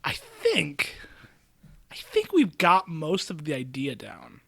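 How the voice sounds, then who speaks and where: Bright-voiced man joking around. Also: fairly high pitch, wildly swooping pitch, vocal fry. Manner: sarcastic, quick to joke. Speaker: podcast co-host. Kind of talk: casual brainstorming chat.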